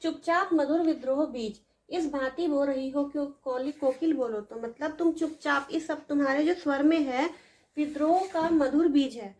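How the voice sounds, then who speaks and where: A woman teacher who reads verse lines slowly and then explains them in plain talk to students. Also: sits high, darkish tone, low-quality recording. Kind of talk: explaining a Hindi poem to students.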